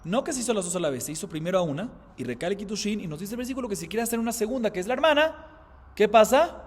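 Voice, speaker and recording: A man, a rabbi, teaching a Talmud class, explaining by asking and answering his own questions and chanting Aramaic quotations slowly. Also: sits high, expressive, husky, long reverb tail. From Colombia.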